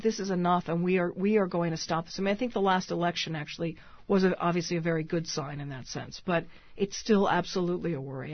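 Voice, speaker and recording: Woman author guest, radio interview; husky and somewhat low, thoughtful, hesitant phrasing. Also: dry recording. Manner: thoughtful, many restarts and fillers. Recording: dull lo-fi radio sound.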